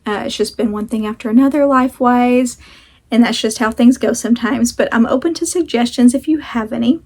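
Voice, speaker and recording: A woman's voice: on the high side, fairly quick, darkish tone. A woman chatting casually to camera as a vlog host, rambling and self-deprecating, talking with a sore jaw that slightly restricts her mouth.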